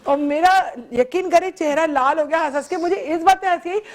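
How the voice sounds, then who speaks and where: Woman host, high voice, animated storyteller who laughs a lot. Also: brisk. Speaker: morning show host. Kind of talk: casual studio chat.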